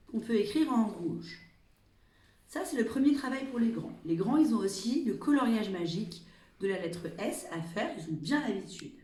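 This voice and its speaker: Gentle teacher woman in an echoey room. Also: fairly high pitch, recorded from a distance. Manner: gentle, slow and clear, addressing small children. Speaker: preschool teacher. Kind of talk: remote lesson instructions for young children.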